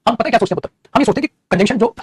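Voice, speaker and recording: Male grammar teacher, high voice, husky tone, very quick delivery, classroom lecture, keeps checking with students. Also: animated, no echo. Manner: rapid and explanatory, addresses students as "beta", often asks "theek hai?". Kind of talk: classroom lecture in Hindi mixed with English.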